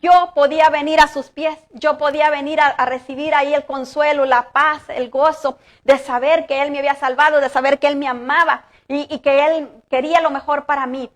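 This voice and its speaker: A woman pastor delivers a sermon in a high, clear voice. She preaches with earnest conviction, lifting her voice to stress a point and slowing down when she reads scripture. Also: steady tone. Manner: earnest, rises with emphasis, slows to read scripture. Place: church.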